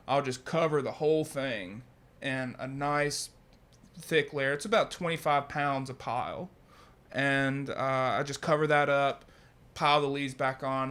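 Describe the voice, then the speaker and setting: A young man, a farmer chatting casually as a guest, relaxed and full of fillers. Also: medium pitch. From Louisiana, US. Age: young adult. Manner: laid-back, says "man" often, many fillers. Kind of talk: casual conversation.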